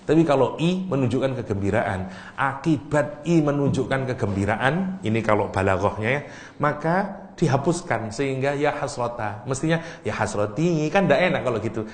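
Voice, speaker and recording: Lively male Islamic teacher, teasing audience. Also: moderate pace. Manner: teasing and animated, acts out Arabic cries with sudden high voice; laughs often, asks the audience questions. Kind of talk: lecture on Quranic language.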